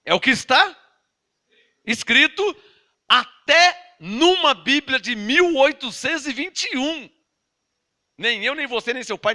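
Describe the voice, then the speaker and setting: With an extremely high pitch and a sharp tone, this Brazilian man in his fifties preaches from the Bible in a Brazilian Portuguese accent. He repeats points for emphasis and questions his audience directly.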